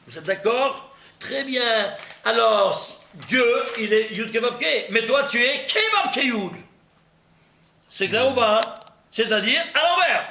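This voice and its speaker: A high, bright man's voice with a gravelly edge, teaching a Torah class and firing questions at his listeners. The room rings with echo and a faint hiss sits underneath. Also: takes it slowly. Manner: animated, quizzing listeners with questions. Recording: echoey room with faint noise.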